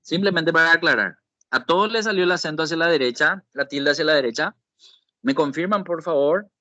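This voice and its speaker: Man, patient step-by-step teacher, bright voice, dry close sound, video call. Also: on the high side, fairly quick, no echo. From Paraguay. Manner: patient, explanatory, checks in with "¿sí?". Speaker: Excel instructor. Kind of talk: online class walkthrough.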